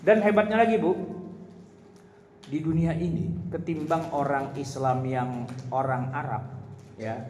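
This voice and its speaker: Joking preacher. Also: male voice, a little high. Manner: humorous, chatty, laughing often, addressing the audience directly. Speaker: Islamic preacher. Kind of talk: informal religious lecture. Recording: echoey hall with loud ambient noise.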